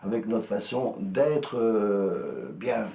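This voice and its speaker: An older Belgian man with a Walloon accent tells anecdotes in a gravelly, low voice. He acts out the dialogue as he goes, and the room adds a noticeable echo. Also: big pitch swings, drawn-out words, dark tone. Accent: Walloon Belgian French. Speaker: interviewee. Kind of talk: storytelling interview. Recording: roomy echo.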